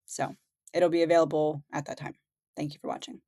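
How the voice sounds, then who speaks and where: A woman's voice: deep voice, flat delivery, fairly quick, mellow, no room sound, clean studio sound. A woman losing her voice, reading out headlines and commenting on them in a conversational way as host of her own channel. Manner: conversational, reads headlines aloud. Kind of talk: casual commentary.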